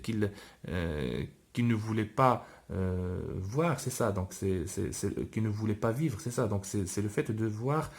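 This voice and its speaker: A man, a French teacher, reads a novel aloud and explains it to his students, pausing often with hesitant fillers and restarts. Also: on the low side, lively intonation.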